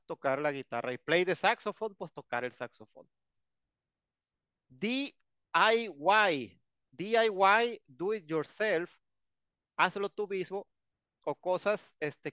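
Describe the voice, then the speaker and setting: A male teacher with a Mexican Spanish accent, walking through vocabulary with playful slang and jokes. His voice sits a little high for a man. The recording is dull, lo-fi and dry. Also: sharp tone, smooth, no echo. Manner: joking, colloquial asides. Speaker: English teacher. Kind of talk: casual recorded lesson.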